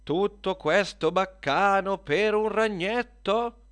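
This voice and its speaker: A storyteller voicing a calm, gentle father in a children's storybook reading. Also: mid-range voice, slow pace, clear, resonant tone, voice pushed up. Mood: surprised.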